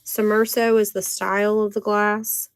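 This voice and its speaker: A woman with a crackly, hoarse voice chatting informally as she hosts a casual live sale, often repeating her phrases. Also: medium pitch, flat delivery, measured pace, dry recording. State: hoarse, with inflamed vocal cords and throat clearing. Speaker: live-sale host selling vintage glassware. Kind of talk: casual live selling chat to viewers.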